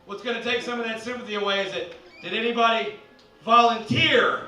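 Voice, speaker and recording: Bright, brash stand-up man in a roomy club. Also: extremely high pitch, steady tone, a little fast, distant mic. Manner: loud, profane, swings into shouted bits. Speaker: stand-up comedian. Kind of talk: stand-up set. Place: comedy club stage.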